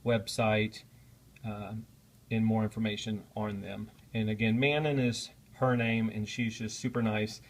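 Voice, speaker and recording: A man's voice: lowish voice, level tone, unhurried. A man presenting a casual unboxing vlog, talking in a friendly, apologetic way with frequent "uh" fillers. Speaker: product reviewer.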